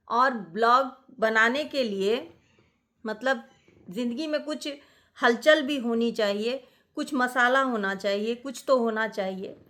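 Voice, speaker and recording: Brief: middle-aged woman from Delhi, high bright voice, animated chatty vlog storyteller. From Delhi, India. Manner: animated, chatty, laughing at herself. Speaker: vlogger. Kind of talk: casual storytelling.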